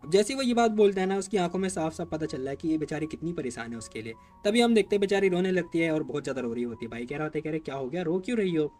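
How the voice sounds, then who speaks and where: A man's voice: fairly high pitch, animated, rapid-fire, hardly any pauses, a little mellow, soft background music. A man telling a comic's story in a casual, chatty way, talking straight to his viewers. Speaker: manhwa recap narrator.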